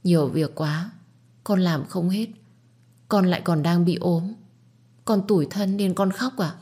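A woman's voice: on the low side, unhurried, mellow, breathy edge. A woman voicing a scheming young girl who talks in a sweet, wheedling way. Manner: sugary, wheedling.

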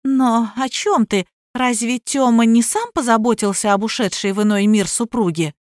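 Coy young wife with lisping baby talk, pitched high, as a woman reader puts her on; dry close read. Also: lively intonation, normal speed, no room sound, lightly acted. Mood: startled. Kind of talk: audiobook character voice.

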